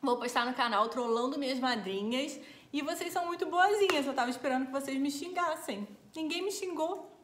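A woman's voice: high-pitched, a little fast, slight background noise. A young woman, a bride chatting casually for her vlog and laughing often. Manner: giggly, laughs often, animated. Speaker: bride and vlogger.

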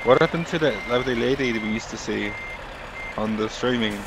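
A thirty-year-old man talks at a middling pitch, patiently explaining things over game voice chat. Clear noise hisses under his voice. He sounds unhurried and plain. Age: 30s. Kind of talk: casual voice chat while gaming.

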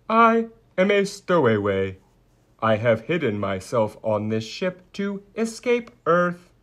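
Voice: mid-range voice, a little hiss or hum. A voice actor playing a polite, lonely stowaway robot in a cartoon, talking in a stiff, formal robot voice. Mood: gloomy. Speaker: robot character. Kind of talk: cartoon voice acting.

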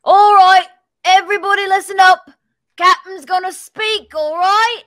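A woman voicing a gruff, bossy pirate first mate in a tavern, with drawn-out piratical words. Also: very high voice, steady tone, a bit bright. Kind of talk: improvised comic role-play.

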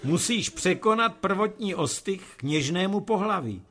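A man doing a booming, gruff old father. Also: expressive, fairly bright tone. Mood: scolding. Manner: booming and insulting. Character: gruff, blunt old father who scolds his son.

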